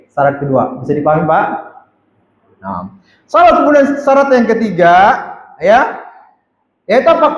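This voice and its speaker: A male religious teacher giving a conversational mosque lecture, often checking with his listeners. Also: sits high. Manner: conversational, keeps checking with the audience. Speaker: ustadz teaching a weekly study circle. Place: mosque hall. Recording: echoey mosque hall.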